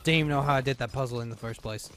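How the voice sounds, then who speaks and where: A man's voice: medium pitch, very fast, fairly bright tone, slight background noise. A man doing casual, jokey playthrough commentary, reacting to a video game as he plays. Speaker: gaming video host.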